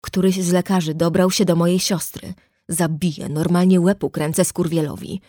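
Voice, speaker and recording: A woman's voice: lowish voice, level tone, normal speed, warm tone, dry recording, clean studio sound, close to an everyday voice. A woman voicing a hot-tempered, protective young man in a read-aloud story. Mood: tense. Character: angry protective young adult brother.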